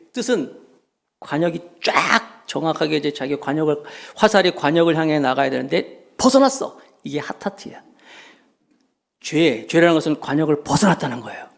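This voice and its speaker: Male pastor, middle-aged, emphatic sermon, high voice, lively pitch. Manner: emphatic preaching, swings from loud to hushed. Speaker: senior pastor.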